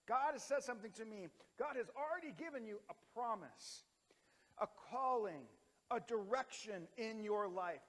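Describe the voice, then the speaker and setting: A pastor in his thirties delivering a sermon in a church, swinging between loud emphatic lines and hushed, quiet ones. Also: high voice. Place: church sanctuary. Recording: long hall reverb.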